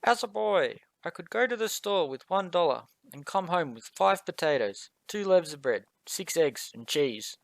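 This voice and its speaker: A man's voice: on the high side, animated, moderate pace, gravelly, hardly any pauses, no room sound, voice pushed up. A man voicing a grumbling old man who reminisces about cheap prices, delivering the joke wryly. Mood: reminiscing.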